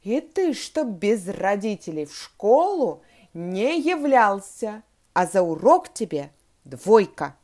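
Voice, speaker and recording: A woman voicing a strict, easily angered female schoolteacher who scolds her pupils in sharp outbursts, as she reads a story aloud to children. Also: high voice, extremely slow, heavily acted. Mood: stern. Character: strict irritable female schoolteacher, middle-aged.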